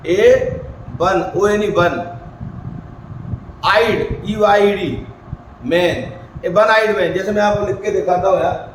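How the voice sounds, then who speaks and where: A man's voice: sits high, fairly even intonation, slow pace, long pauses. A male teacher giving a grammar lecture, asking questions and answering them himself, sometimes putting student questions in his own voice. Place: coaching academy classroom. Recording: echoey room with faint background noise.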